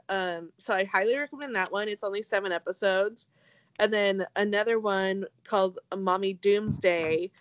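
A woman co-hosting a casual podcast, talking haltingly with stammered restarts and many fillers, with a dry, self-deprecating streak. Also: mid-range voice, no room sound, lo-fi sound. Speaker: podcast co-host.

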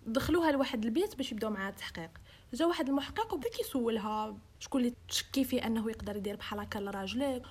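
A young woman with a Moroccan accent narrates a true-crime case in relaxed podcast talk. She speaks quickly in a fairly high, slightly husky voice. She mixes in English phrases and voices the people in her story. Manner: code-switches into English, acts out quoted dialogue. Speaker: host.

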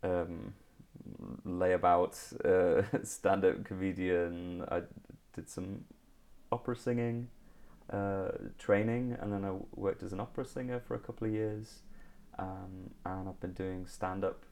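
A man's voice: low-pitched, steady tone, a little slow, darkish tone. A man in his thirties from Liverpool with a Liverpool accent, talking casually as an interview guest with many ums and restarts. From England. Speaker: guest, comedian.

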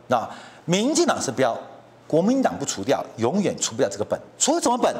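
A middle-aged man rants through political commentary in a mocking, heated tone. His voice sits a little high for a man and swings widely in pitch as he jabs at his targets. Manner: mocking, heated, keeps asking "you know?".

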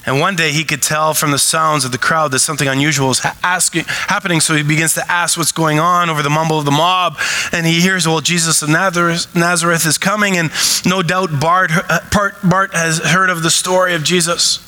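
Bright, high-voiced male preacher. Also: a little fast, low-quality recording. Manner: animated, shouts acted-out cries. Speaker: pastor. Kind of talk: sermon.

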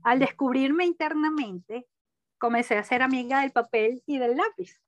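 A young woman telling a personal story in conversation, animated, laughing often and acting out her own inner voice. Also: sits high, moderate pace, no room sound, dull audio. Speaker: guest.

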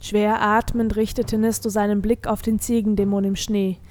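A woman reading a fantasy audiobook in steady, scripted narration. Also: medium pitch, moderate pace.

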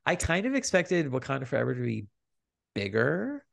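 Man with a heavily creaky voice. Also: medium pitch, wildly swooping pitch, normal speed, fairly bright tone. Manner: chatty, recaps box office figures. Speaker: podcast co-host. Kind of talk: casual movie news chat.

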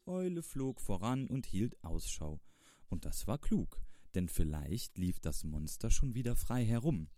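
A man reading a children's storybook aloud in a calm, measured way. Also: lowish voice, no room sound, clean studio sound. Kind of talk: storybook narration.

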